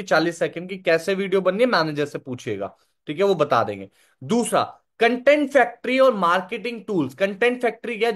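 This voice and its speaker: High-voiced man teaching a live session. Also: a bit bright. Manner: instructive, repeats points, checks in with listeners. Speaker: sales trainer. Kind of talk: live online training session.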